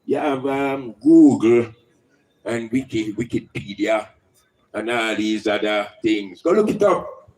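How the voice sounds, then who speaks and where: A man's voice: mid-range voice, expressive, slow pace, a little mellow, poor audio. A man with a Jamaican accent speaking in Rastafarian style, preaching and teaching emphatically with rhetorical questions and Rastafari idioms.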